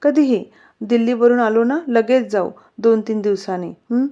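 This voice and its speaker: A woman voicing a protective, quick-tempered young husband in a storybook reading. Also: fairly high pitch, dark tone, natural voice. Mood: eager. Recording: slightly muffled recording.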